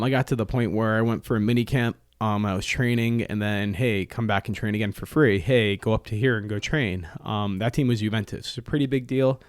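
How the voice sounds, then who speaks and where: A young restaurant owner, Italian being his first language, is a guest in a podcast studio, chatting casually with jokes and many fillers. His voice is medium in pitch, clear and resonant, in a dry studio-quality recording.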